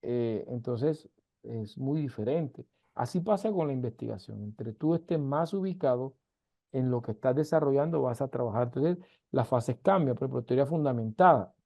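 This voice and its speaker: An online university lecture comes from a man of Colombia's Caribbean coast, speaking with its accent and driving points home with rhetorical questions and emphasis on a video call. His mid-range voice is animated and warm, with vocal fry, at a normal speed.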